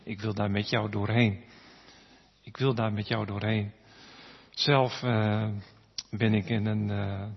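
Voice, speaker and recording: Gravelly low-voiced man preaching in a hall. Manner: earnest, halting with many fillers and restarts. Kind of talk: sermon. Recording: dull, reverberant hall sound.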